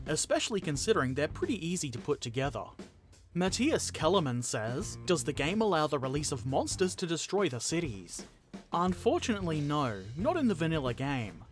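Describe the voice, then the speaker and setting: Male channel host answering comments; deadpan sarcasm, fairly high and animated delivery. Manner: dry, sarcastic, jokey. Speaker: YouTube host. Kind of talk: reading and answering viewer comments.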